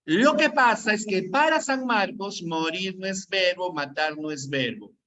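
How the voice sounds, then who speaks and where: A man teaches an online grammar class. His voice is bright and forceful and sits a little high, and he keeps quizzing his students with rhetorical questions. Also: animated, a little slow, dull audio. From Peru.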